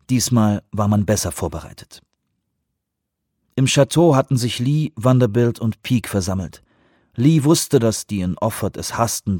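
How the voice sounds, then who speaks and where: Measured male audiobook narrator. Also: fairly low pitch, darkish tone, dry recording, clean studio sound. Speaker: audiobook reader. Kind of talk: scripted narration.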